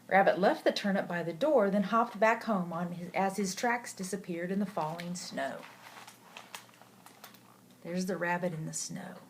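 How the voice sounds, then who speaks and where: A sweet old lady, a grandmother, reading a picture book aloud gently and affectionately, with asides to a child. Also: fairly low pitch, normal speed. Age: older. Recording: clearly noisy home recording.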